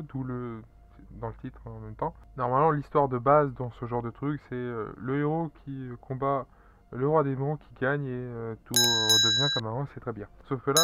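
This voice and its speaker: A man presenting anime and manga news in a casual solo commentary, rambling with many fillers and restarts. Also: medium pitch. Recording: dull lo-fi audio with faint music.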